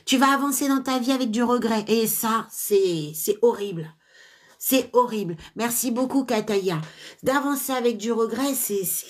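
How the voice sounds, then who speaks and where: A woman gives viewers a pep talk in a live chat, her voice pitched a little high. She talks casually and warmly, stumbling through fillers and restarts as she encourages them. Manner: laughs often, loud high laughs. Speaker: trainer answering viewers live.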